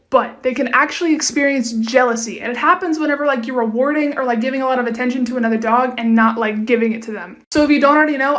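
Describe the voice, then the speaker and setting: High-voiced chatty young woman. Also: a bit bright. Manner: chatty, blunt, swears freely. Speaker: TikTok fact sharer. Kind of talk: casual talk-to-camera facts.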